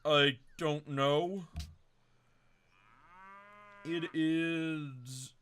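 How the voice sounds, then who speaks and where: A man's voice: fairly high pitch, fairly even intonation, very slow, a bit bright, slight background noise. A man hosting a let's-play video, casually thinking aloud and correcting himself as he plans his moves. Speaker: game commentator.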